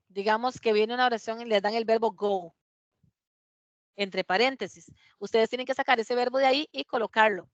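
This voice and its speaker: A woman teaching an English class, patiently explaining grammar and repeating words slowly to model pronunciation, in dull lo-fi audio. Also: on the high side, no room sound.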